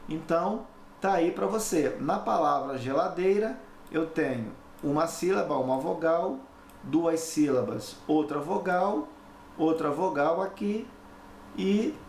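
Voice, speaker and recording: A male teacher speaks slowly and deliberately in a slightly high voice. He explains point by point and keeps checking in with short tag questions. The recording is roomy and echoey, with a faint hum underneath. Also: darkish tone. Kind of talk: recorded online lesson. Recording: echoey room, faint background noise.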